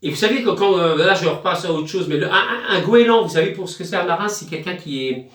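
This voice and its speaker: High voiced guy rambling and cracking crude jokes, echoey room, kinda far from the mic. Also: lively intonation, fast, fairly bright tone. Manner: chatty, crude jokes, chants nonsense magic words. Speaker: video host. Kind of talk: rambling joking vlog.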